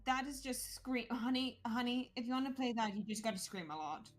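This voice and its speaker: Teasing woman game master, fairly high voice. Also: animated, fairly quick, soft background music. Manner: teasing, laughs a lot, calls players honey. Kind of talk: casual tabletop game chat.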